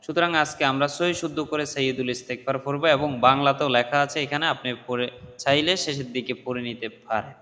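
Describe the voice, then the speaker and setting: Male recitation teacher, slow melodic chanting then brisk correction, long echo. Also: mid-range voice, fairly even intonation, bright, forceful tone. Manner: chants Arabic prayer slowly, then corrects pronunciation in rapid speech. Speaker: religious teacher. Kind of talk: recitation lesson.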